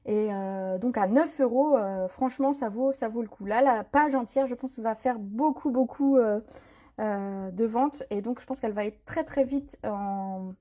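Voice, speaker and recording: A woman's voice: fairly high pitch, unhurried, mellow. A woman hosting a live stream to sell craft products, talking casually with many hesitations and repeated words. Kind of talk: casual live sales chat.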